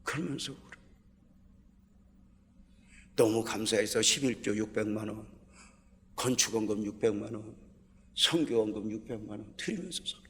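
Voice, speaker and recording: A man's voice: lowish voice, moderate pace, long pauses. Impassioned middle-aged man preaching in a church hall. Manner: impassioned, swings from hushed storytelling to shouting. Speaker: guest pastor. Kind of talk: revival sermon. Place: church sanctuary. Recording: long reverb of a large church hall.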